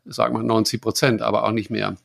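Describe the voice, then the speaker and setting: A middle-aged man from the Netherlands with a Dutch accent, explaining in a casual chat, thoughtful and halting with many fillers. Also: lowish voice, level tone, vocal fry. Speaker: guest expert.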